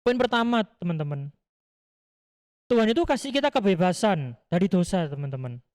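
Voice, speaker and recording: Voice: mid-range voice, animated, a little fast, a little mellow. Young testimony speaker. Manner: casual, keeps addressing listeners as friends, many fillers. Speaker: youth ministry leader. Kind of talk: personal testimony at an online youth service.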